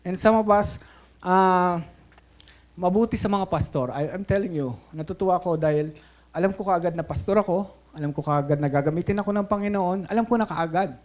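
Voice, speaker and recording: A Filipino pastor preaches a sermon in a high, fairly quick voice with a darkish tone. He tells stories with animation, switches between English and Tagalog, and frequently checks in with "Okay?".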